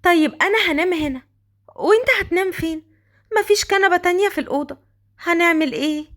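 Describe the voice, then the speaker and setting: A woman voicing a shy orphan girl, high. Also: fairly bright tone. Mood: anxious. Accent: Egyptian Arabic. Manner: pleading, high and quick. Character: timid young orphan girl, shy and anxious.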